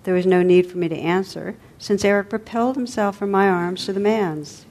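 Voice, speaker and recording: A woman telling a story aloud in a gentle, expressive way, letting her lines trail off softly. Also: medium pitch, a little fast.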